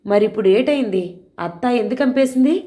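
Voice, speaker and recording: A woman's voice: fairly high pitch, expressive, moderate pace, dark tone, natural voice. A woman voicing a poor, worn middle-aged mother who speaks anxiously and imploringly.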